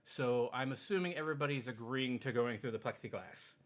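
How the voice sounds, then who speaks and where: A man's voice: medium pitch, fairly quick. A man narrating a tabletop role-playing game as game master, casual and rambling.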